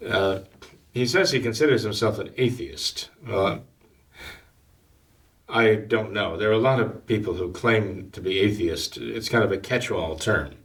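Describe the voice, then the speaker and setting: A priest with a fairly low voice talks through his views slowly and hesitantly, stopping often to restart his sentences. He sits a little back from the mic, so his voice sounds somewhat distant. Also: a bit bright. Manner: measured, hesitant, full of fillers and restarts. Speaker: priest and guest. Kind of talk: casual talk-show discussion.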